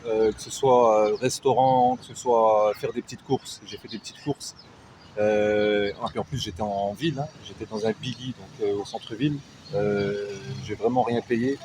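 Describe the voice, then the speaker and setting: A man's voice: on the low side, steady tone, normal speed. A man from France and Canada giving a casual testimony as an interviewee, informal and hesitant but opinionated. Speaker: interviewee, anonymous expatriate client. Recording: outdoor recording with clear street noise.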